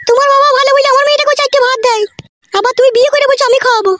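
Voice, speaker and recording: A shrill, nagging middle-aged mother-in-law in a comedy cartoon, scolding fast and high, as a woman puts her on. A noisy recording hisses under her voice. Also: steady tone.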